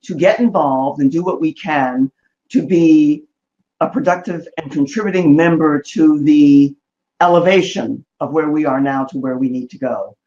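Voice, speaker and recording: A woman's voice: sits low, normal speed, dark tone, highs cut off. A woman hosting an interview show, responding with affirming, effusive praise for her guest. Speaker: talk show host. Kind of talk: interview conversation.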